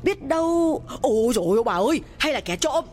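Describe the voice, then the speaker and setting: A man's voice: extremely high pitch, very animated, brisk, a little mellow, faint music behind, pitched above the performer's own voice. A man voicing an eager, anxious young female servant who asks curious, pleading questions.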